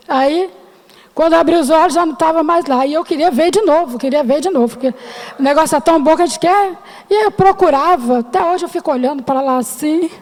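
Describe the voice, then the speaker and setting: High-voiced woman testifying in a reverberant church. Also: darkish tone. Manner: emotional, addresses listeners as brothers and sisters. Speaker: church member giving testimony. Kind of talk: personal testimony to a congregation. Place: church hall. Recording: long hall reverb.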